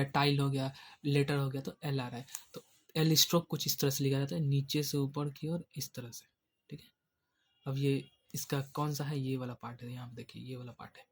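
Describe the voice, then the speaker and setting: Male shorthand teacher, slightly high voice, patient step-by-step explaining, frequent check-ins. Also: slightly rough. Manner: explains step by step, often asks "ठीक है?". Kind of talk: classroom lesson.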